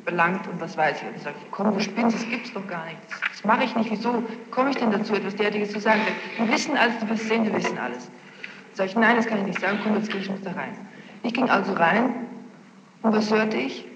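Speaking quickly in a mid-range voice, a young woman being questioned as a witness gives insistent, unscripted testimony about what happened, repeating words to stress them. It's an interrogation tape from an echoing room, with noisy, muffled archival sound.

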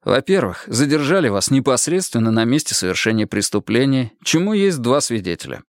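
A man doing a calm, measured police lieutenant. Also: mid-range voice, no echo, studio quality, natural voice. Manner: measured, patient, formal. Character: calm patient male police lieutenant interrogator.

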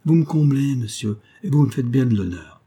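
A man's voice: expressive, moderate pace, mellow, husky. A man reading as a humble old boatman. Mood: earnest. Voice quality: low voice. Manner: humble, eager to serve. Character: weathered older male boatman, former convict, devoted.

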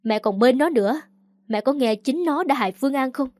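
A woman reading aloud the lines of a hot-tempered man who yells at his sister, in a storybook narration. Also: sits high, expressive, a little fast, dry recording, studio quality. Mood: furious. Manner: angry, yelling. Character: hot-tempered older brother, shouting.

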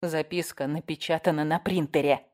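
A woman's voice: deep voice, fairly even intonation, normal speed, a little mellow, natural voice. A woman reading an audiobook, voicing a frightened woman who whines and pleads for help. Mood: scared. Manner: whining, anxious, breathless.

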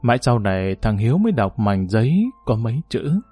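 A man narrating a novel as an audiobook, reading in an expressive storytelling manner. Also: on the low side, fairly quick, slightly rough, no echo, faint music behind.

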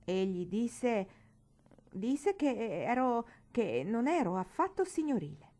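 A woman's voice: a little high, very animated, slow, warm tone, heavily acted. A woman voicing an indignant, quarrelsome young boy in a storybook reading, with an aggrieved, complaining manner.

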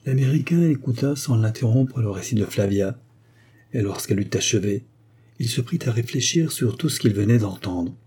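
A man reading a classic novel aloud as an audiobook, measured and expressive. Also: mid-range voice, breathy edge. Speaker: audiobook narrator.

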